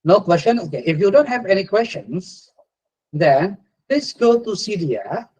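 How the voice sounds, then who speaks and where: A man's voice: sits high, big pitch swings, a little slow, a little mellow, breathy edge, rough recording. A middle-aged man with an Indonesian accent giving a university lecture, often repeating words and ending points with "yeah". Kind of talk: online class lecture.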